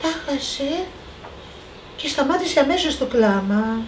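A woman's voice: high voice, animated, echoey room, a little hiss or hum. A woman with a Greek accent reading a children's story aloud, drawing out words expressively.

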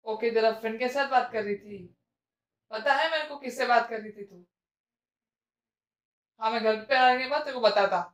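A woman's voice: a little high, moderate pace, long pauses, echoey room, natural voice. A woman voicing a nosy middle-aged male neighbor who is a stern father, asking prying, disapproving questions. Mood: scolding.

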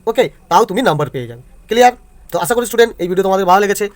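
A man's voice: high voice, lively intonation, racing. A male teacher explains exam answers to students step by step and keeps checking that they follow. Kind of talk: exam answer walkthrough lesson.

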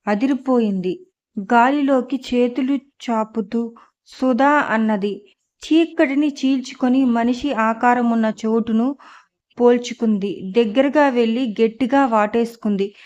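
A woman narrating a novel chapter in a measured reading voice. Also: on the high side, a little mellow. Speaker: audiobook narrator. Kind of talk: scripted story narration. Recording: dull lo-fi audio.

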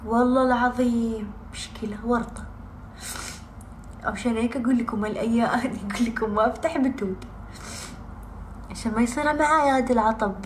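A woman's voice: a little high, fast, pauses often. A woman vlogging casually to her viewers, laughing through tears and swearing she doesn't mean to cry. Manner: laughing and crying at once, swearing oaths. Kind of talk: casual vlog talk to viewers. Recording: echoey room with faint background noise.

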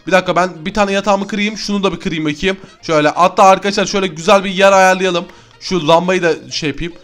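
Excitable high-voiced male gamer. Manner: excitable, exclaiming to viewers. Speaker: gaming YouTuber. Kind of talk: Minecraft gameplay commentary.

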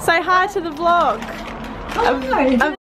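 A woman's voice: a little high, a little slow, background noise. A young woman with a New Zealand accent, chatting upbeat to camera as a vlogger. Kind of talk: casual vlog narration.

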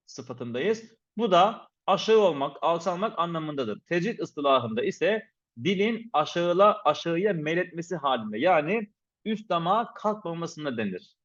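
A man's voice: on the high side, a bit bright. A man teaching a pronunciation lesson, patiently repeating syllables to demonstrate and formally addressing his viewers as respected teachers. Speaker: Quran recitation teacher. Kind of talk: instructional lesson. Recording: dull lo-fi recording.

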